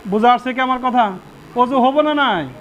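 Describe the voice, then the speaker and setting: Male mufti, pitched very high, preaching in a question-and-answer manner. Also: moderate pace, a bit bright, lo-fi sound, a little hiss or hum. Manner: asks the audience questions and answers them himself. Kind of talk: Friday sermon on prayer rules.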